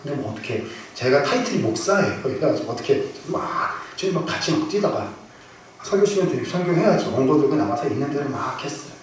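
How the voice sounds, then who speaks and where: A male pastor preaching a storytelling sermon, moving between loud bursts and hushed near-whispers. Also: a little high, lively intonation, fairly quick. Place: church sanctuary. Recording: very echoey hall, from far off, noisy.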